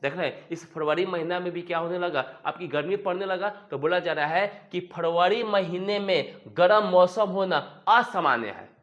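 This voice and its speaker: A man's voice: high-pitched, normal speed, hardly any pauses, a bit bright. A man teaching English vocabulary, who keeps repeating each word and asking and answering his own questions. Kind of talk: vocabulary lesson. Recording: dull lo-fi sound.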